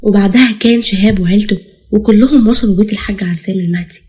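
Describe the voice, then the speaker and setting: A woman storyteller with an Egyptian accent, narrating a drama in a brisk, dramatic way. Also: mid-range voice, warm tone.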